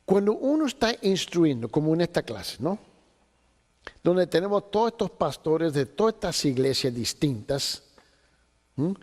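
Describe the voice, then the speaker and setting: Guy teaching pastors theology, storytelling, voice kinda high, big echoey hall. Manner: animated storytelling, acts out dialogue, mixes in English words. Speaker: theology instructor. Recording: long hall reverb.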